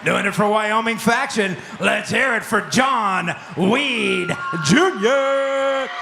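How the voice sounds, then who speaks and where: A man announcing fighters in a booming, showmanlike style, stretching out their names, over a venue sound system. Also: takes it slowly, creaky. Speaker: ring announcer. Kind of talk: fighter introductions with drawn-out names. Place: large indoor fight venue. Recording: echoey venue PA with faint crowd noise.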